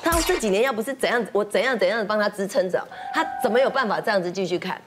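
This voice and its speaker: A woman's voice: medium pitch, expressive, racing, background noise. A woman, a guest on a talk show, telling a story in a chatty, confiding way. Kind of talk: casual anecdote on a talk show.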